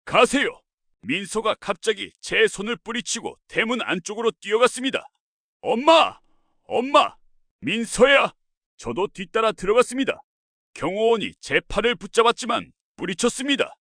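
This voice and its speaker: A man narrating a first-person family story in an earnest, steady way. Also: sits high, brisk, dry recording, studio quality.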